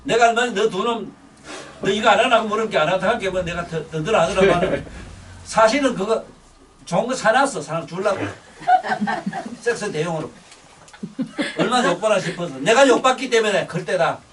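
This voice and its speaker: A man's voice: high voice, expressive, a little fast, long pauses, fairly bright tone, far from the mic, slight background noise. An older man with a Busan accent, giving a rambling dharma sermon in a blunt, scolding, coarse-spoken way. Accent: Gyeongsang (Busan). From Busan, South Korea. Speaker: Buddhist dharma teacher.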